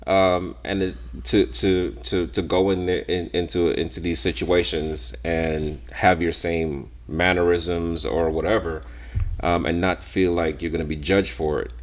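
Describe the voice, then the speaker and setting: Deep-voiced man, halting podcast talk. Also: level tone. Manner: halting, repeats words while thinking aloud. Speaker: podcast co-host. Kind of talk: casual discussion.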